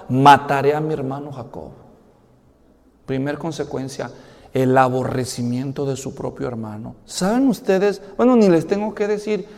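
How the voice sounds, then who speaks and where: A man preaching a sermon as a pastor, telling a Bible story with lively, animated delivery. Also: on the high side, big-room sound. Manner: animated storytelling, acting out biblical characters with big swings in volume.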